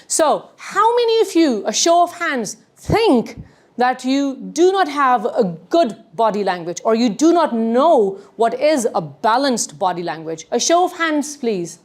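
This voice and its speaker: A woman runs a communication workshop, shifting fast between English and Urdu. Her voice sits fairly high and moves a lot as she talks. She sounds animated and demonstrative. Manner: animated, mixes English and Urdu, rapid bursts. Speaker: communication skills trainer. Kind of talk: lively workshop lecture.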